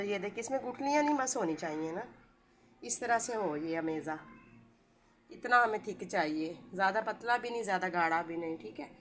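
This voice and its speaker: A woman's voice: mid-range voice, a bit bright, a little hiss or hum. Chatty homely Pakistani woman cooking. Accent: Pakistani Urdu, village Saraiki-like dialect. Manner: chatty, homely, rambling asides. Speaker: home cooking vlogger. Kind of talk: casual cooking tutorial chat.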